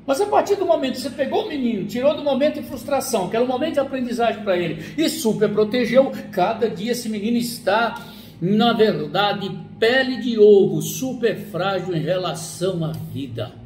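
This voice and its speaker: A man's voice: sits high, fairly quick, faint music behind. A man giving an explanatory talk as a psychologist, acting out parents and children as he speaks. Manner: animated, acts out quoted parents and children. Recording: echoey room with faint ambience.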